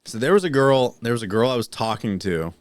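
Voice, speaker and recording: A man's voice: mid-range voice, expressive, fairly quick. Rambling, profane man on a podcast. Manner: rambling, profane, with many restarts and fillers. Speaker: podcast co-host. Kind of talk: casual storytelling chat, then reading news items.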